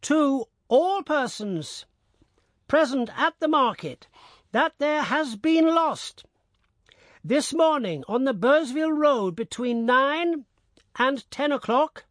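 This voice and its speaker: Town crier, high-pitched, jerky, halting, slow, dry recording. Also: male voice, a bit bright, dry recording, full character voice. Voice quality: jerky, pausing in wrong places.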